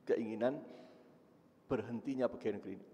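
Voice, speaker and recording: A man's voice: lowish voice, brisk, dark tone, a little hiss or hum. A male preacher, telling a moving story in a mosque sermon and often addressing listeners as "Pak". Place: mosque hall. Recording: reverberant mosque hall.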